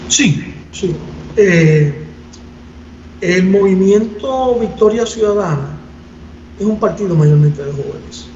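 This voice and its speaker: A man's voice: high voice, lively intonation, a little mellow. Man lecturing from far off. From Puerto Rico. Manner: measured, thoughtful, frequent hesitations. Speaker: guest lecturer. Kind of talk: academic seminar answer. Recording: distant roomy muffled recording with faint noise.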